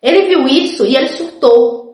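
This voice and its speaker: A woman's voice: high-pitched, moderate pace, darkish tone, roomy sound. A young woman, casually telling viewers her life story and acting out what others said. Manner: chatty, often says "gente" and "tipo", acts out others' lines.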